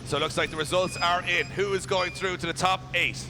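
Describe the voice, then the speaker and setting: Male motorsport commentator and announcer: rapid, slightly high, emphatic, engine noise behind. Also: fairly even intonation. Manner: chatty, hyping, emphatic. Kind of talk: live commentary and crowd announcing. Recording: clear engine and outdoor track noise.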